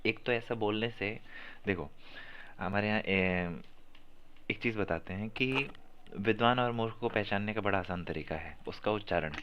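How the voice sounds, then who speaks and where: A man's voice: on the low side, moderate pace, slight background noise. Man coaching pronunciation, muffled audio. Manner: corrective, repeats phrases to stress sounds. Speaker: teacher. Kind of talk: online class on chanting and pronunciation.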